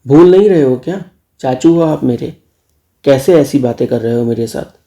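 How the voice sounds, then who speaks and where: A man's voice: mid-range voice, moderate pace, mellow, lightly acted. Man doing a cheeky young nephew. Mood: defensive. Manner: cheeky, defiant.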